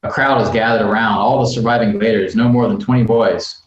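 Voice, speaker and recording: At a table read on a video call, a man narrates screenplay stage directions, tossing in jokey asides. His voice is low and steady and he reads fast. The audio is muffled and roomy.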